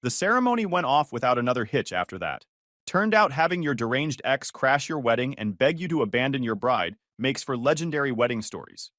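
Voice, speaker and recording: A man's voice: mid-range voice, very animated, brisk, fairly bright tone, dry recording. Dry, matter-of-fact male story narrator. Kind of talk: first-person story narration.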